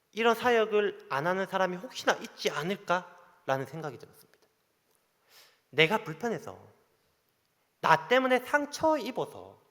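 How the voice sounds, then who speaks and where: A male pastor with a Gyeongsang accent, preaching a sermon and telling stories in an animated way, acting out the dialogue. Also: high voice. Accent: Gyeongsang Korean. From Gyeongsang region, Korea. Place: church sanctuary. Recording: long church hall reverb.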